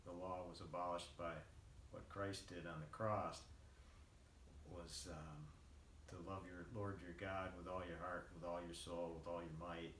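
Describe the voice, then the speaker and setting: An older man speaks slowly in a casual, reflective devotional ramble, often halting as he searches for words. His voice sits a little low. The recording is roomy, picked up at some distance from the microphone. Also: a bit bright. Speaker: vlogger. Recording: roomy, distant mic, faint background noise.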